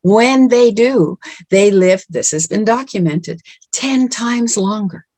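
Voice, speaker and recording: A woman's voice: mid-range voice, expressive, slow, a little mellow, no room sound. A middle-aged woman giving an earnest, encouraging motivational talk, often repeating words for emphasis. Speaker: speaker at a women's empowerment event.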